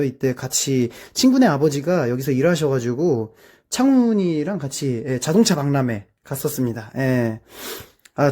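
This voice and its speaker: A young man from South Korea chatting casually through his childhood photos, with lots of drawn-out filler words and amused asides. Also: fairly high pitch, warm tone. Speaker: streamer.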